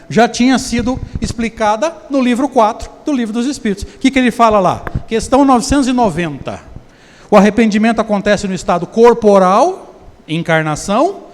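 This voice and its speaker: High-voiced Brazilian man lecturing in a hall. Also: expressive, brisk. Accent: Brazilian Portuguese. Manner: conversational, asks the audience questions. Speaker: spiritist lecturer. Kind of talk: seminar lecture. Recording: long hall reverb.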